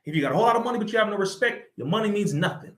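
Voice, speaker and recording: Young male commentator, preachy and impassioned, talks straight at his audience; slightly high voice, echoey room sound. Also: lively intonation, very fast, fairly bright tone. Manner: impassioned, preachy, addresses listeners as y'all. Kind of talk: reaction commentary on a video.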